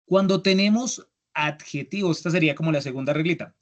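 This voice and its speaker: Brisk and fairly high-pitched, this young man teaches English grammar online as an instructor. He goes over each step again patiently and makes sure his students keep up.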